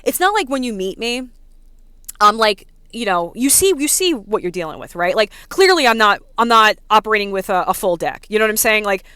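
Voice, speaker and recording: A woman in her thirties with a New York accent, ranting casually to her vlog audience, talking fast and packing her speech with "like" and "you know.". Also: mid-range voice, lively intonation, bright, forceful tone, clear, resonant tone, no echo, clean studio sound. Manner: fast, filler-heavy talk with many "like"s and "you know"s. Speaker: vlogger. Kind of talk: casual rant to camera.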